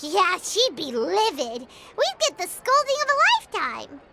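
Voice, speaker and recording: A woman voicing a tiny chirpy floating companion in a video game, bubbly and quick to tease. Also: very high-pitched, wildly swooping pitch, heavy background noise, full character voice. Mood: cheerful. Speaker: travel companion. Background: game music.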